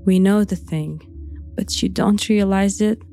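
Slow, gravelly woman giving halting testimony. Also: mid-range voice, faint music behind. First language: Arabic. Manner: halting, repeats words, soft nervous laughs. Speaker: interviewee. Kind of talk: recounting personal testimony.

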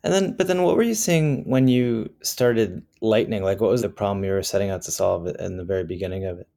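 A man's voice: fairly low pitch, fairly quick, gravelly, mellow. A man hosting a podcast, introducing his guest with enthusiasm and asking interview questions. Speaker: podcast host.

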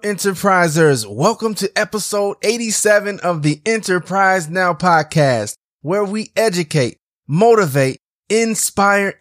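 A man's voice: high voice, dry recording, clean studio sound. A man hosting a business podcast, welcoming listeners with energy and interviewing a guest in a casual, upbeat way. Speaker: podcast host.

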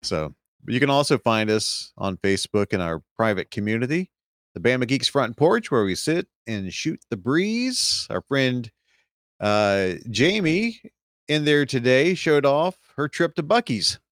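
A man co-hosting a casual podcast, easygoing and quick to laugh, sometimes losing his train of thought. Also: medium pitch, very animated, a bit bright, dry recording, studio quality. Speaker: podcast co-host.

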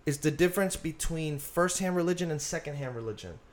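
A man talking in an earnest, animated, casual way about faith on a podcast. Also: a little high, brisk, a crowd in the background. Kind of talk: casual conversation.

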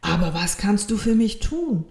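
A woman's voice: mid-range voice, big pitch swings, moderate pace, darkish tone. A woman voicing a small, eager, wondering little soul in a storybook reading, talking with a touch of impatience. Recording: roomy echo.

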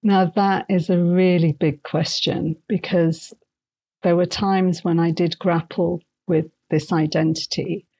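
A woman from northwest England talks as a guest on a podcast. Her voice is lowish and husky. She tells her story with enthusiasm and reflection. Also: steady tone, unhurried, warm tone. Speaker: guest, insights specialist and coach. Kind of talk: podcast interview.

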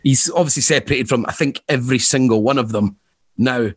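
A man's voice: medium pitch, fairly quick, husky, no echo. A man, co-hosting a casual football chat, rambling and laughing often. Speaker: podcast co-host.

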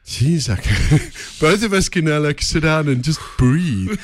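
A man hosting a radio interview in a studio, rambling and animated. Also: a little high, a little slow, dry recording. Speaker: radio host. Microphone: studio microphone.

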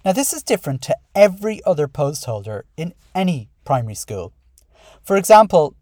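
A man's voice: a little high, darkish tone, no room sound, studio quality. A middle-aged man with an Irish accent presenting a podcast monologue in an earnest, wry way. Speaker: podcast host and school principal. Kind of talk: podcast monologue, part scripted, part conversational.

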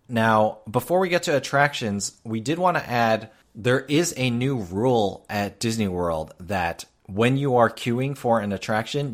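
Low-voiced male co-host, relaxed chatty delivery with lots of "you know". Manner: conversational, many fillers. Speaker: podcast co-host. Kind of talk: casual chat.

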